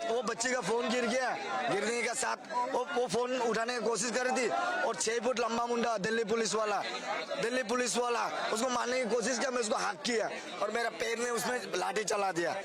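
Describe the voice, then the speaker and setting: A man's voice: very high-pitched, fairly even intonation, normal speed. A man protester recounting events with complaint in a street interview. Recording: outdoor crowd noise.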